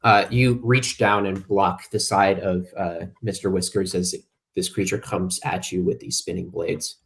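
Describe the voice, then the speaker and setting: Low-voiced man running a game, lots of ums. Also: steady tone, a little slow, creaky, fairly bright tone. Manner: hesitant, many ums and uhs. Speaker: game master. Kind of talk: running a tabletop game online.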